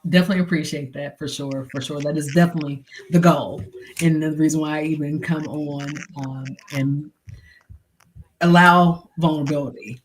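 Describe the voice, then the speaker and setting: A middle-aged woman hosting a podcast, talking casually and reflectively with frequent pauses and fillers. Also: low voice, steady tone, slight background noise, rough recording. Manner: reflective, pauses with many ums and you-knows. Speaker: podcast host. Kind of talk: casual chat.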